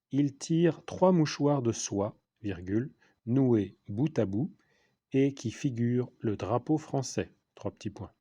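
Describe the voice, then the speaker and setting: A man's voice: mid-range voice, warm tone, slightly rough, dry recording, muffled recording. A man with a French accent reading a dictation to schoolchildren, repeating each phrase and saying the punctuation aloud. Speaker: teacher giving a dictation.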